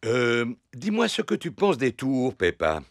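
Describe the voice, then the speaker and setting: An actor voicing a good-natured, bumbling daddy pig in a preschool cartoon, jovial and a little hesitant. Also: male voice, mid-range voice, wildly swooping pitch, measured pace, no room sound, studio quality. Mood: thoughtful. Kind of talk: preschool cartoon dub acting.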